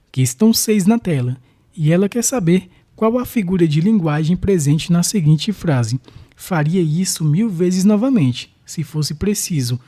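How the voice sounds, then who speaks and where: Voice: mid-range voice, warm tone. A teacher with a Brazilian accent works through exam questions one by one, explaining each answer methodically. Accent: Brazilian Portuguese.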